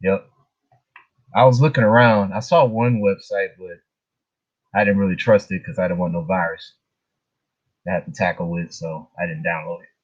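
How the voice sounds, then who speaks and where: On muffled, dull lo-fi stream audio, a man talks casually with his viewers, laughing softly between remarks. He has a low, steady voice, a moderate pace, and pauses often.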